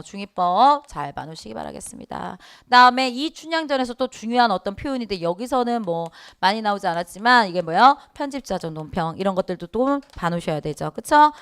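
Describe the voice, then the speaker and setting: A middle-aged woman teaching a Korean exam prep lecture, lively, asking the class questions and answering them herself. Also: mid-range voice, clear, resonant tone. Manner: acts out quoted dialogue in voices. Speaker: Korean language exam instructor. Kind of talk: online lecture.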